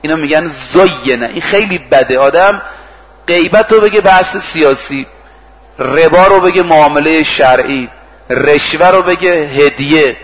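Man preaching, storytelling sermon, fairly high voice, long hall reverb, dull lo-fi sound. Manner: retells stories, acts out the speakers' lines, recites Arabic verses.

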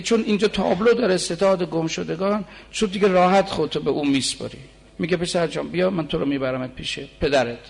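A man in his forties preaching a religious sermon, who moves between plain conversational talk and slow, drawn-out chanting of lines of poetry. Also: high voice, vocal fry, breathy edge. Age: 40s.

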